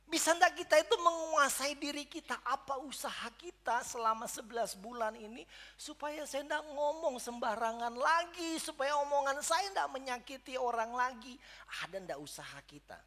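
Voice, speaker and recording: Bright-voiced man preaching a sermon. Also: very high-pitched, animated, normal speed. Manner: addresses the congregation directly, rising to emphatic peaks. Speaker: pastor. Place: church service.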